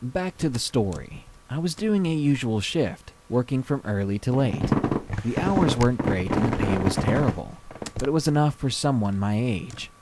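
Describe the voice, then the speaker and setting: A man reads a creepy story aloud, slowing down for the tense parts. His voice is mid-pitched and steady, with faint noise underneath. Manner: slow, dramatic storytelling delivery. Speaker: story reader. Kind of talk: reading a scary story aloud.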